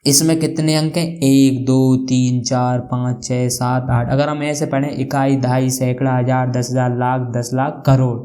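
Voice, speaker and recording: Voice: mid-range voice, level tone, a little slow, few pauses, warm tone. A maths teacher explaining a lesson, who keeps asking questions and answering them, and spells out place values one by one.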